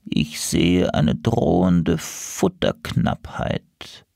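Man doing a hushed old crow seer woman. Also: low voice, expressive, creaky, no echo, studio quality, voice pushed down, exaggerated voice. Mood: ominous. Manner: slow, hushed, ominous whispering.

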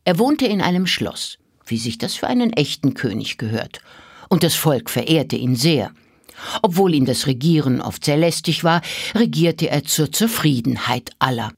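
A woman reading a children's story aloud with an expressive, melodic storybook delivery. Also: low-pitched, moderate pace, breathy edge, no room sound, clean studio sound.

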